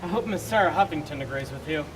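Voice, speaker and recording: A man playing a vain, wealthy young gentleman suitor in a stage comedy, speaking in a pompous, self-satisfied way. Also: fairly high pitch, expressive, fast talker, natural voice. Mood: smug. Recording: noisy stage recording, distant microphone.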